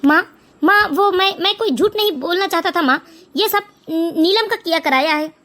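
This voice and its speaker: A woman's voice: very high-pitched, lively intonation, normal speed, a bit bright. A woman voicing a sheepish young husband who stammers excuses to his mother in a cartoon family drama. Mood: defensive. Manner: stammering, defensive.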